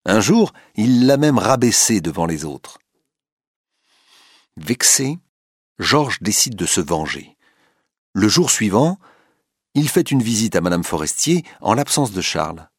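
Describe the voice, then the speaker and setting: A man narrating a story in an expressive, dramatic reading style. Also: fairly low pitch, measured pace, pauses often, husky, dry recording, studio quality.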